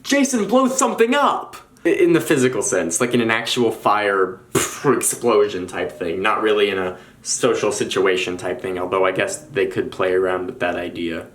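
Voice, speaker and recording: A young man in casual chat as a vlogger, talking in an animated, rambling way with quick restarts. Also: fairly low pitch. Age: young adult.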